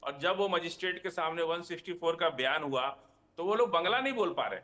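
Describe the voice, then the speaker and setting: A man's voice: fairly high pitch, a little fast, bright, forceful tone. A man arguing heatedly as a panelist in a TV debate, stammering and restarting as he pushes his point.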